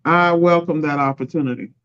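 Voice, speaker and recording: A woman's voice: low voice, fairly even intonation, fairly quick, a bit bright, clear, resonant tone. Co-host, woman, dialing in remotely; upbeat, emphatic delivery through a buzzy, glitchy, dull lo-fi call line. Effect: buzzy, glitchy video-call audio. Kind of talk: casual live-stream chat. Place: remote location.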